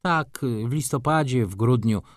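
A man reads an audiobook in a mid-range voice with lively intonation at normal speed, his voice pushed up but close to an everyday sound. He's voicing a haughty, capricious society lady who speaks in an offended, reproachful, coquettish way. The recording is dry and studio quality.

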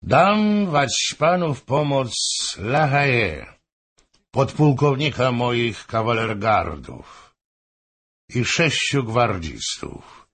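Man putting on a commanding king, impatient, husky voice, slow deliberate phrasing. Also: medium pitch, big pitch swings, fairly bright tone, voice pushed up, heavily acted. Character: middle-aged king, imperious and impatient.

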